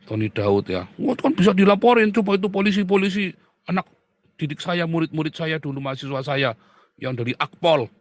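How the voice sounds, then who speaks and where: A male pastor, preaching in an animated, mocking way that swings from loud outbursts to low asides. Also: no echo. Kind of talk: sermon.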